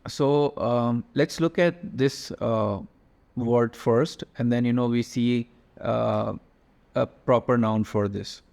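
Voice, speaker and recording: A man talks through a slide-based lesson in a gravelly voice. He moves step by step, stopping and restarting often and filling the gaps with little sounds. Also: mid-range voice, steady tone, takes it slowly, darkish tone. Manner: explains step by step with many fillers and restarts. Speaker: language teacher.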